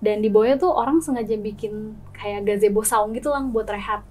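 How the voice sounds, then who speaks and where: A woman's voice: mid-range voice, a little fast, a little hiss or hum. A woman guest telling her own experience in a casual chat, acting out the scenes with quoted dialogue. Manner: lively, acts out scenes with gestures and quoted dialogue.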